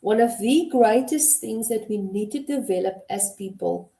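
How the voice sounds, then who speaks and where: A middle-aged woman gives a motivational talk on communication. Her voice is mellow and relaxed, and she paces her points deliberately. The sound carries a noticeable room echo. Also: medium pitch, creaky. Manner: measured, deliberate, stresses key words. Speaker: host and communication coach. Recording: echoey room.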